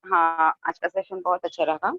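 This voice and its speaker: A woman's voice: lowish voice, flat delivery, normal speed, no room sound. A woman in her thirties on an online call, asking whether she can be heard and starting her question. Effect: heard through a call line. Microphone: video call. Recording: dull lo-fi call audio, dry.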